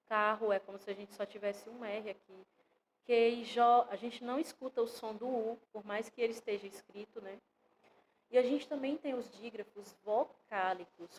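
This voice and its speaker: A woman's voice: mid-range voice, slight background noise, rough recording. A woman with a Brazilian Portuguese accent teaching an online grammar lesson to children, explaining step by step and often checking in with her students.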